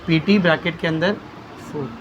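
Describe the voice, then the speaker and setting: A male teacher runs a chemistry lesson in a fairly high voice. He fires questions at his students, calls them "beta" and answers the questions himself. A faint hiss of noise sits under the recording. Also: moderate pace, muffled recording. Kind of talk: classroom lecture.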